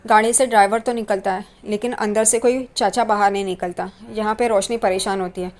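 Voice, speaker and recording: Woman narrator, steady soft-spoken episode recap. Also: mid-range voice, brisk. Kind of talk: retelling a TV episode.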